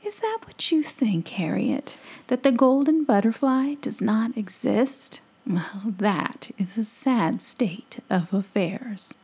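A woman voicing a gentle, wise female falcon in a calm whisper. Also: on the high side, slow, slightly rough, full character voice. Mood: gently chiding.

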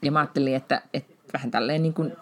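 A low-pitched woman hosting a relaxed podcast chat. She talks freely, laughs often and restarts her sentences as she goes. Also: slight background noise. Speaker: podcast host.

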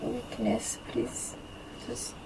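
A woman speaking haltingly in a whispery voice as she asks a teacher for guidance. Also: rough recording. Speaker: participant seeking guidance.

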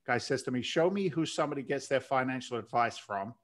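Middle-aged man from London, casual interview talk, chatty, folksy, average pitch. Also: expressive, brisk. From London, England. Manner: chatty and folksy, calls the host "man" and "my friend". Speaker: podcast guest, real estate investor.

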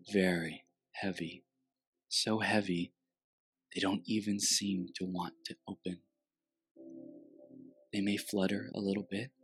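A man leading a guided meditation with a soothing delivery and long pauses, speaking softly as if right in your ear. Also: low-pitched, breathy edge, no echo.

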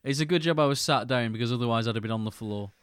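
A man's voice: medium pitch, very fast, clear, resonant tone, dry recording, studio quality. A man co-hosting a podcast in casual chat, hesitant, with many fillers and restarts. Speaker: podcast co-host.

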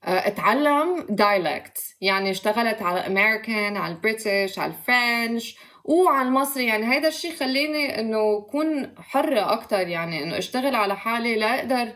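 A woman with a Lebanese accent, an actress talking casually as a guest, animated and sprinkling in English phrases. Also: fairly high pitch, fast. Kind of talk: casual interview talk.

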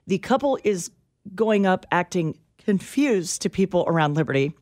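Animated woman radio co-host telling stories. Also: normal speed. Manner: animated, storytelling, jumps into high squeals when excited. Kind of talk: casual radio banter.

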